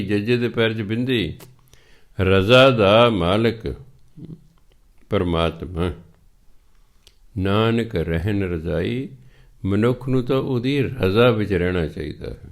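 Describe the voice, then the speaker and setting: A man with a Punjabi accent giving a scripture sermon, reciting verses slowly and then explaining them patiently in plain talk. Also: lowish voice. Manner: patient, teacherly, repeats points.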